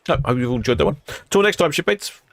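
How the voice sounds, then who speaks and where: A man's voice: mid-range voice, sing-song, fast, no echo. A man hosting a livestream, talking casually to his viewers as he signs off. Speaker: livestream host. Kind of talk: casual livestream sign-off narration.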